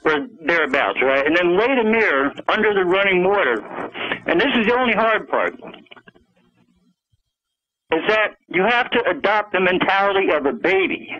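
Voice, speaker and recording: A man's voice: high-pitched, expressive, normal speed. A man calling in to a radio show over the phone line, rambling on at length and pressing on over the host's interruptions. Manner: long-winded, insistent, talks over the host. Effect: phone line call-in audio. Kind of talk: rambling call-in monologue. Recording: muffled phone-line audio.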